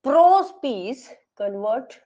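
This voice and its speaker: A woman teacher with a fairly high voice who dictates at a very slow, deliberate pace. She stretches English phrases out word by word, then explains them in quicker Hindi. The recording is a bit dull and lo-fi. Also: very animated, mellow. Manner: explains in quick Hindi with frequent checks like "ठीक है?". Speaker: English exam lecturer. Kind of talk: classroom lecture mixing Hindi and English.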